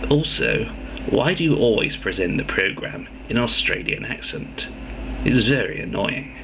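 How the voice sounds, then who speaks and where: A man's voice: on the low side, expressive, a little slow, gravelly, noisy background. A man playing a cranky old-fashioned listener who phones in blunt, grumbling complaints to a radio show. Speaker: prank caller. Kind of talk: comedy radio sketch.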